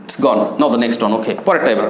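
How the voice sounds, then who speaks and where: A man teaching an English pronunciation class, drilling words slowly and having students repeat after him. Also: medium pitch. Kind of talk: online spoken English lesson. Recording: echoey room with faint noise.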